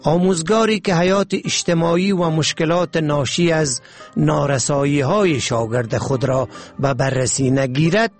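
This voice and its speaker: Afghan dari guy hosting a radio show, formal reading, faint music behind. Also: a little high. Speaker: radio magazine presenter. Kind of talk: scripted radio narration.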